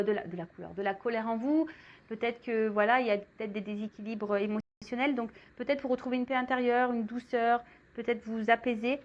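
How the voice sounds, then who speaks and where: A woman's voice: fairly high pitch, muffled recording. Chatty French-speaking woman reading tarot. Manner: chatty, many fillers, warm asides to viewers. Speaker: tarot reader. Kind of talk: casual spoken card reading.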